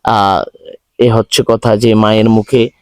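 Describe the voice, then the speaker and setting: A man with a Bangladeshi accent hosting a charity video, speaking in a halting, repetitive, pleading way to viewers. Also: on the low side, little pitch movement, a little mellow, clear, resonant tone, dry recording. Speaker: charity video host appealing for donations. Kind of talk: earnest spoken appeal to viewers, interviewing.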